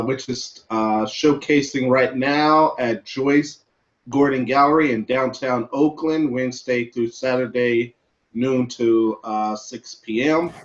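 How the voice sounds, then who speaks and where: A man hosting an interview as co-curator of an exhibition. He speaks slowly and haltingly, leaning on fillers, at a middle pitch. The audio sounds dull and lo-fi.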